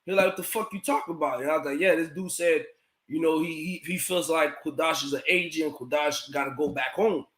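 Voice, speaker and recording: Man, high-pitched, bright tone, casual storytelling, animated, swearing, echoey room. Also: fairly quick. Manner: animated, swears, acts out quoted dialogue. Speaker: podcast guest telling a story.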